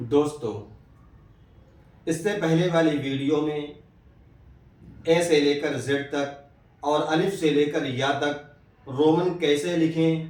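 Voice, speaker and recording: A man giving a step-by-step English lesson, sounding out example words slowly and deliberately. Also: a little high, distant mic. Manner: slow and deliberate, drawing out example words one by one. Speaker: English teacher. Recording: very echoey room, a little off-mic.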